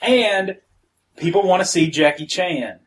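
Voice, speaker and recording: A man's voice: high-pitched, lively intonation, measured pace, slight background noise, poor audio. A man co-hosting a casual podcast chat, telling wry, rambling jokes. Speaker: podcast co-host.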